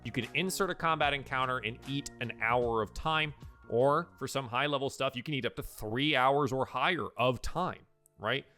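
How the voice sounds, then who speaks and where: Soft music plays behind this professional dungeon master as he gives advice on a casual livestream. His medium-pitched voice is bright and forceful at a moderate pace, and he hammers points home by repeating them.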